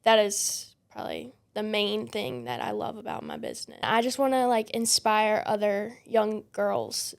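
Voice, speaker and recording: A woman's voice: mid-range voice, measured pace, vocal fry, hardly any pauses. A woman, chatting as a podcast guest in a bubbly, giggly way with lots of fillers. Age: 20s. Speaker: guest, spray tan business owner. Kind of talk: casual interview chat.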